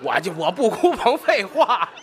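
A man playing the supporting role in crosstalk comedy on stage, answering with stubborn, quick retorts. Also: high-pitched, big pitch swings, crowd noise. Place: theater stage before a live audience.

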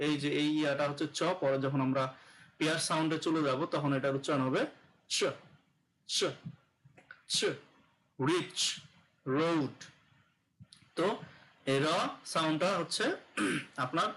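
A man leads an online pronunciation lesson in a fairly high voice. He explains slowly, repeats each sound several times and leans on fillers as he goes. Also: fairly even intonation, a bit bright, low-quality recording. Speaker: English pronunciation teacher.

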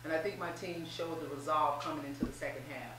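A woman's voice: deep voice, fast. A middle-aged woman, a head basketball coach, speaking upbeat and emphatic in a post-game press interview at a table mic. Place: small room with posters, seated at a table. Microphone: table mic on a stand, voice picked up from off the mic. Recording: very echoey room, distant mic, faint hum.

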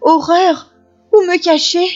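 Storybook wolf: scared, hapless, voiced by a woman reader, shrill panicky yelps very high and loud; dull lo-fi recording, faint music. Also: fairly even intonation, takes it slowly. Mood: panicked. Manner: panicky squealing cries. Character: frightened, unlucky big grey wolf.

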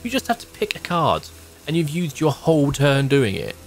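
A man in his thirties streams a game from a small home room, offering short, musing remarks as he thinks aloud over background music. His fairly high voice swings hugely in pitch at a moderate pace, and a little hiss or hum is audible.

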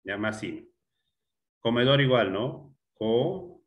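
A male teacher giving a classroom grammar lesson, explaining step by step, repeating words and often checking with a quick question. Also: fairly low pitch, expressive, fairly bright tone.

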